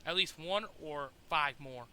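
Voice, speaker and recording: Higher-voiced man on noisy game voice chat. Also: a little slow, pushed and bright. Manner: uses military radio jargon, casual swearing. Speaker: player in a military game squad. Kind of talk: casual tactical chat during online gameplay.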